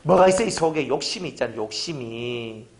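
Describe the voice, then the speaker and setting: A man's voice: mid-range voice, expressive, brisk, darkish tone. A middle-aged male pastor, preaching a fervent sermon full of hammering rhetorical questions.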